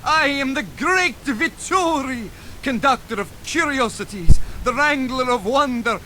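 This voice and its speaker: A man's voice: very high voice, animated, measured pace, bright, forceful tone, slight background noise, full character voice. A man playing a pompous, theatrical carnival showman in a video game, with grandiose, flustered patter.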